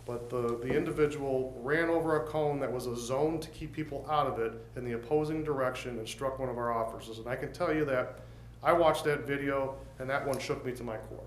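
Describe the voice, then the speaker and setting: At a city council meeting, a man who serves as mayor gives plain-spoken, earnest remarks. His voice is mid-range and fairly quick. The council chamber sounds roomy, with faint noise.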